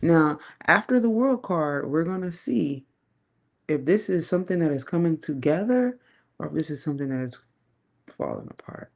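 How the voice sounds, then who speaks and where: A woman's voice: low-pitched, expressive, moderate pace, gravelly, a little mellow. A woman giving a casual live tarot reading, thinking aloud in a chatty, loose way and swearing now and then. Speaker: tarot reader.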